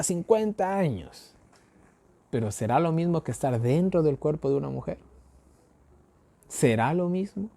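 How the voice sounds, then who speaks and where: Gravelly Ecuadorian man teaching the Bible. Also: mid-range voice, dark tone. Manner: asks rhetorical questions and answers them himself; folksy, uses everyday examples. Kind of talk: daily Bible study sermon.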